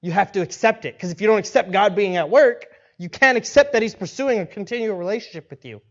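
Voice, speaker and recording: A man's voice: sits high, fast. Casual preaching man, dull lo-fi sound. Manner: animated, acts out quoted dialogue, frequent restarts and laughs. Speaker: pastor. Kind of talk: casual conversational sermon. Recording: dull lo-fi recording.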